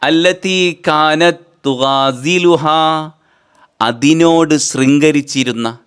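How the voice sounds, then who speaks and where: A male teacher going through a poem line by line for students. He recites each verse slowly and drawn out, then patiently glosses every word, repeating the meaning in several ways. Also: on the high side, fairly bright tone, clean tone.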